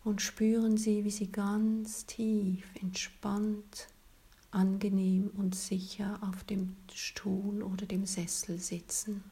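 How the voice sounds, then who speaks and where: A woman leading a guided relaxation in a soft, soothing, breathy spa-like whisper, as scripted narration. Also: medium pitch, little pitch movement, takes it slowly.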